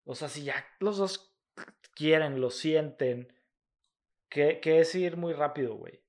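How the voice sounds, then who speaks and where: A man's voice: fairly high pitch, takes it slowly. A young man with a Mexican accent, chatting casually and bluntly, full of slang and swearing. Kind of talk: casual chat.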